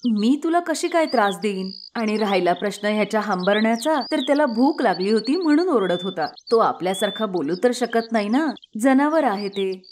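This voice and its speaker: A woman voicing a gentle, patient old village mother-in-law who speaks softly and slowly. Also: medium pitch, lively intonation, slight background noise, natural voice. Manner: soft, slow and soothing.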